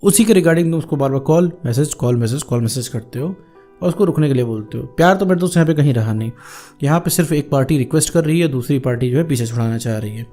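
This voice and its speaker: Man, breakup advice talk, fast pace, mellow dark tone, soft music underneath. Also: mid-range voice. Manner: informal, addresses viewer as "bhaiya" and "my friend"; repetitive, emphatic phrasing. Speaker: relationship advice host. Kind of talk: direct-address advice talk.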